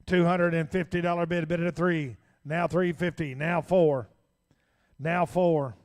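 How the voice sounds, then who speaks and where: A man working as an auctioneer, calling bids in a rapid, folksy, repetitive chant. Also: fairly high pitch, fairly even intonation.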